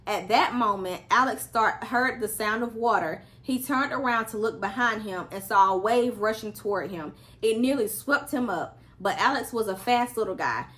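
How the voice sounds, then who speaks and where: Higher-voiced woman reading a children's storybook. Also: moderate pace, few pauses. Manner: expressive, acts out characters' lines. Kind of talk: storybook read-aloud for children.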